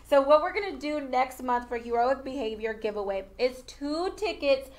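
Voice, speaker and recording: A woman hosting a casual live-streamed studio chat, upbeat and promotional, often pausing with um. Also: sits high, animated. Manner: upbeat, promotional, many ums. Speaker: host.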